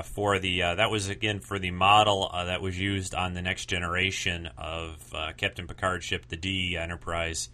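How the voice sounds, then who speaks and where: A man's voice: low-pitched, pushed and bright. A man hosting a show with casual, rambling commentary, informal and a bit hesitant. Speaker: podcast host.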